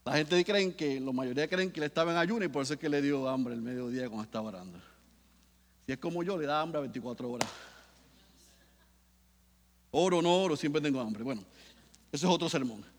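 A man preaching a sermon, swinging from hushed talk to loud bursts and acting out quotes. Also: on the high side, expressive, fairly quick, long pauses, long reverb tail. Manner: acts out Peter's voice in quotes. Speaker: pastor.

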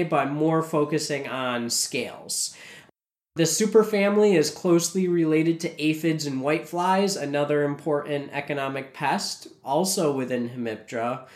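A man with a gravelly voice, getting over a cold, talking casually and informatively as a podcast co-host. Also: a little high. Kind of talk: casual educational podcast talk. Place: cold whitewashed makeshift studio room. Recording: hollow, echoey bare room.

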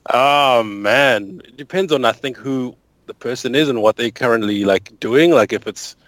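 A man's voice: mid-range voice, measured pace, a bit bright, no room sound, rough recording. An easygoing man chatting as a podcast guest, often chuckling in the middle of his sentences. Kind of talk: casual interview chat.

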